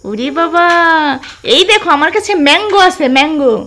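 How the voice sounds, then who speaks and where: A woman's voice: sits high, lively intonation, fairly quick, noisy background. A woman filming her small daughters at home for a casual vlog, coaxing them in a sing-song voice and chatting to viewers.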